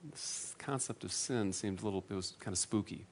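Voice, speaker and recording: A man giving a personal testimony to an audience, earnest and self-deprecating, with halting restarts. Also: fairly low pitch, slight background noise. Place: room with an audience.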